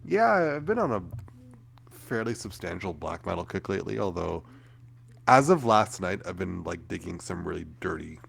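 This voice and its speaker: Deep gravelly Canadian man. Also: very animated, moderate pace, fairly bright tone. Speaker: podcast co-host. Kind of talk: casual chat.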